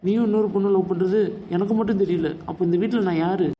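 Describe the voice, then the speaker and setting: A man's voice: sits high, fast, warm tone, slight background noise, close to an everyday voice. Man playing an angry, resentful father. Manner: harsh, resentful. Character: proud wounded middle-aged father, angry. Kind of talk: family drama acting.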